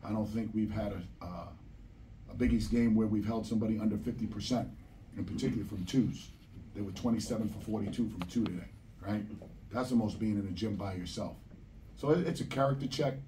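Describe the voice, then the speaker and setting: After the game, a middle-aged basketball head coach sits at the press room table answering emphatically and without sugarcoating, repeating phrases for weight. His voice is lowish and warm. Captured from a distant camera despite a table microphone, the audio sounds far off and slightly noisy.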